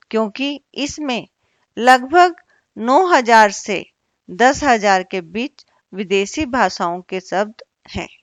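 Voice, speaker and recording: A woman teacher giving an online Hindi grammar lesson, repeating each word slowly and asking the class questions. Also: a little high, fairly bright tone, dry recording.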